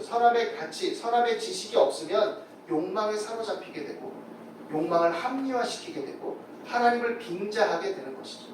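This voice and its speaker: A man with a fairly high voice delivers a sermon, lively and dramatic, slipping into the voices of the people he describes. He sounds distant from the microphone, and the sanctuary rings with heavy reverberation. A faint hiss sits under his voice. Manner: animated, acts out voices of God and people in quotes. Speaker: pastor. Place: church sanctuary. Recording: very echoey hall, far from the mic, faint noise.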